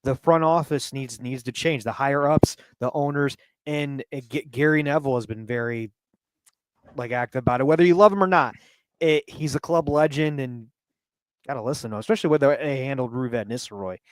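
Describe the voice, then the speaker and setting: A man co-hosting a casual football chat, animated, swearing casually and often repeating his phrases. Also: medium pitch, brisk, dry recording. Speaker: podcast co-host.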